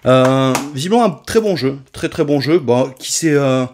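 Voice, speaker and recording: A retro game collector and channel host shows off his new video game purchases in a casual showcase vlog. His medium-pitched, darkish voice is animated and moderately paced over slight background noise, chatty and full of fillers, restarts, and self-corrections.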